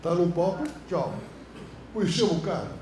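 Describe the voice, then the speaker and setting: A film director with a Brazilian Portuguese accent lectures a class through loose, slang-filled anecdotes. His voice sits high and swings widely, with a mellow tone. The room around him is roomy and echoey. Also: moderate pace, slight background noise. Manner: animated, colloquial storytelling, frequent slang. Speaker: film director teaching a course. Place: university classroom.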